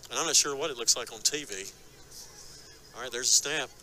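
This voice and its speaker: A man giving fast, excitable play-by-play of a high school football game from a press box. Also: slight background noise, low-quality recording. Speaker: play-by-play announcer. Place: press box at an outdoor stadium.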